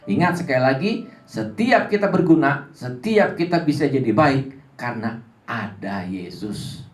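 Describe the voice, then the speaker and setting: A man's voice: mid-range voice, expressive, unhurried. A man giving a children's Sunday school sermon, speaking simply, repeating lines and addressing the kids directly. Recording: echoey room, distant mic, faint music.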